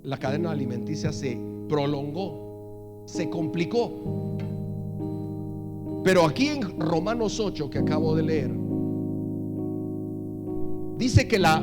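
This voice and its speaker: A man preaching a sermon in church, speaking conversationally, asking the congregation questions and reading scripture slowly and forcefully. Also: on the high side. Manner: reads scripture slowly and loudly. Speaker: pastor. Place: church hall. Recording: long hall reverb. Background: faint guitar music.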